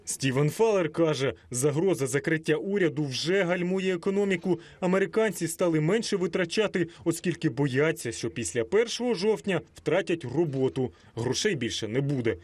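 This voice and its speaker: A man closing a news report in an even, matter-of-fact way. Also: fairly high pitch, brisk. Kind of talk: scripted news report sign-off.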